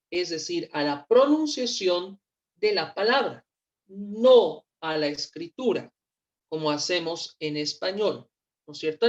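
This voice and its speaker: Slow, patient woman teacher on a call. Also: mid-range voice, highs cut off. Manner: patient, slow, repeats words for pronunciation. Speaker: English teacher. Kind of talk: online class explanation. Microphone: computer mic on a video call.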